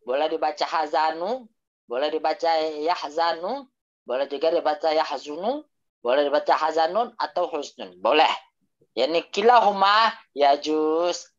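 A man's voice: fairly high pitch, fairly bright tone. A male Arabic teacher leading an online class, drilling vocabulary, repeating and correcting students' answers, and mixing Arabic phrases into his explanations. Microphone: video call. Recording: dull lo-fi video call audio.

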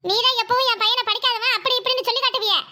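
A woman's voice: extremely high pitch, fairly even intonation, rapid-fire, pushed and bright, exaggerated voice. A woman voicing a harsh, scheming mother-in-law who scolds and threatens. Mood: scolding.

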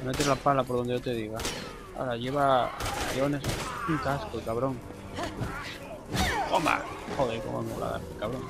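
A young Spanish man with a Spain accent talks through his gameplay, cursing freely and shouting out in excitement. His voice has a gravelly, fry-laden edge at a middling pitch. Game music plays clearly behind him. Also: moderate pace, pauses often, rough recording. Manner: swears often, excitable exclamations. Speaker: gameplay commentator. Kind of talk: casual gameplay commentary.

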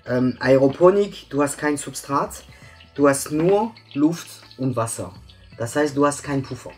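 In a bright, plant-filled office, a French guest expert in his thirties explains topics in German with a French accent, patient but full of hesitations and fillers. His mid-range voice is expressive, a little slow, a little mellow, and husky, with soft background music during the interview chat.

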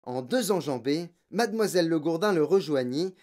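An audiobook narrator reading a children's novel in an expressive, dramatic way. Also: mid-range voice, normal speed. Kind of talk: scripted storybook narration.

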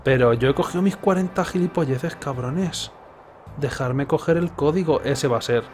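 Playing a game live from an indoor streaming setup, this Spanish-accented streamer in his thirties rambles along with sarcastic, casual remarks. His slightly high voice has a darkish tone and moderate pace, backed by game music and sound effects.

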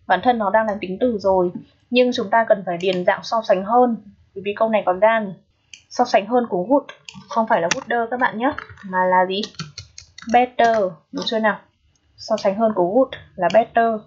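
A woman English teacher patiently guides students through an exam review, checking in often with rhetorical questions. Her voice is medium-pitched and slightly rough, and the recording sounds muffled.

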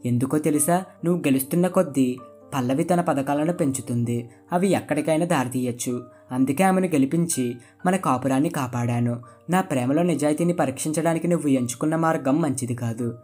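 A storyteller voicing a husband who calmly explains himself to his wife, read in a plain earnest way. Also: mid-range voice, fairly quick, slightly rough, soft background music, natural voice. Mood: reassuring.

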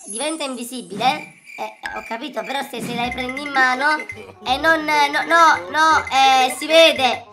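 A man voicing an excitable, dramatic little boy who squeals, shouts and sings out, in a gaming reaction video with game music behind. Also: very high voice, measured pace. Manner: squealing, shouting and sing-song outbursts. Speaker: YouTuber.

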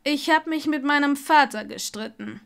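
A woman voicing an arrogant young wizard man in an audiobook, with a hushed, drawling manner. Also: sits high, moderate pace, creaky, voice pushed up. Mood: impatient. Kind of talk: audiobook character voice.

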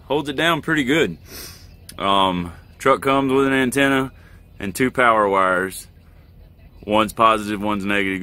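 Recording from his truck cab amid background noise, this middle-aged American trucker walks through a how-to in a casual, plain-spoken way. He has a lowish voice with a bright, forceful tone.

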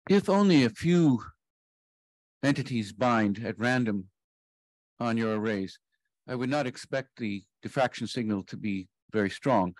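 A man's voice: medium pitch, lively intonation, a little slow, no echo, low-quality recording. A man in the audience at a scientific conference asking a technical question.

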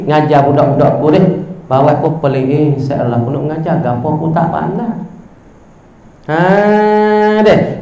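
A man's voice: sits high, darkish tone. A man giving an Islamic religious lecture, telling stories and chanting Arabic verses. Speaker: religious teacher. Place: religious school hall. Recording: echoey hall.

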